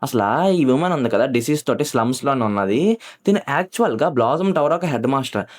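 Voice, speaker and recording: A man quickly retelling a fantasy comic's plot as a storyteller, quoting the characters as he goes. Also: mid-range voice, animated. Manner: rapid storytelling that quotes the characters in passing. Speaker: anime story explainer. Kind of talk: fast retelling of a manhwa story.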